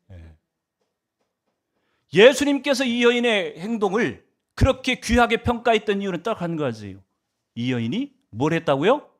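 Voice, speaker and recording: A male pastor delivering a Sunday sermon, asking the congregation rhetorical questions and swinging his emphasis up and down. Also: a little high.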